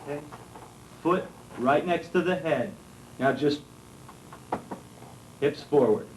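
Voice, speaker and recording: A man's voice: on the high side, takes it slowly. Man teaching armlocks on a worn VHS tape. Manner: calm, step-by-step explaining while demonstrating. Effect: worn VHS tape copy. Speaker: martial arts instructor. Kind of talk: instructional demonstration. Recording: faint hiss, roomy, voice from far off the camera mic on old tape.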